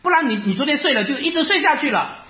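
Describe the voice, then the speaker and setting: A man preaching a sermon, animated, asking rhetorical questions and acting out his listeners' doubts. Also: very high-pitched, fast talker. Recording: echoey room, slightly dull sound.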